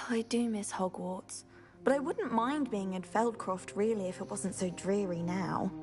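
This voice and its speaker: A woman's voice: mid-range voice, unhurried, faint music behind, lightly acted. A woman voicing a weary cursed young witch. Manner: soft, weary, at times breathy. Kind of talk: video game dialogue.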